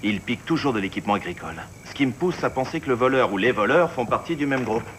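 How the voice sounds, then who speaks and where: An actor playing a methodical investigator on a manhunt, speaking matter-of-factly in French film dialogue. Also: male voice, mid-range voice, lively intonation, fast talker, close to an everyday voice. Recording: noisy action-film soundtrack.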